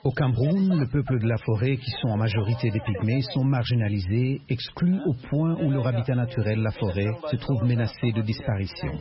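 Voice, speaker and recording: Guy reporter narrating, lots of crowd noise behind, dull lo-fi radio. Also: mid-range voice. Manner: formal, descriptive reporting. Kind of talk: scripted news report.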